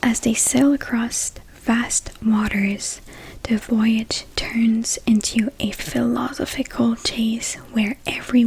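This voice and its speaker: A woman in a whispered ASMR role-play as a librarian, whispering softly and a little hesitantly as if to a visitor in a library. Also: fairly high pitch, vocal fry, poor audio. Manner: soft whispering, hesitant, gently attentive to an imagined visitor.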